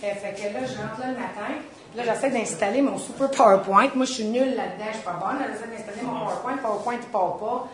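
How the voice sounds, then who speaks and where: A woman with a Quebec French accent giving a humorous storytelling talk to an audience. She is animated, acts out the voices she quotes and laughs often. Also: fairly high pitch, fast talker, hardly any pauses. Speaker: speaker, special education trainer. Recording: echoey hall, mic at a distance.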